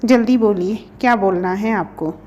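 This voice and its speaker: A woman's voice: mid-range voice, normal speed, dark tone, highs cut off, a little hiss or hum, close to an everyday voice. A woman reading a storybook, voicing a shy young female student who teases the man she loves. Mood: curt. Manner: shy, teasing.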